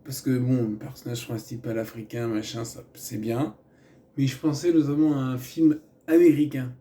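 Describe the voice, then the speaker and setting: A man's voice: mid-range voice, fairly even intonation, normal speed, mellow, a little hiss or hum. A man giving a loose, rambling film review in casual chat, full of fillers, restarts and asides. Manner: meandering, many fillers and restarts, chatty asides.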